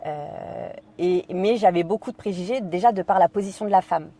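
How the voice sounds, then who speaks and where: Low, mellow French woman telling her story. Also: moderate pace. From France. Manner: hesitant, many fillers, quotes her own inner thoughts. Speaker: podcast guest. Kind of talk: personal storytelling in conversation.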